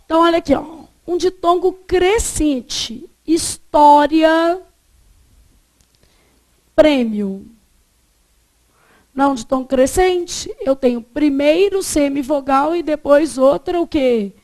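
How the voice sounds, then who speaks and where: A woman's voice: sits high, expressive, a little slow, darkish tone. A woman teaching a grammar lesson, asking the class questions and answering them herself.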